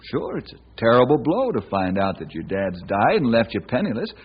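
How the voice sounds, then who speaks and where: An actor playing a friendly, helpful ranger hero with a husky voice and hearty, neighborly manner in a radio western. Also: male voice, medium pitch, sing-song, fairly quick. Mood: reassuring. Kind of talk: old time radio western acting. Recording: dull old radio recording.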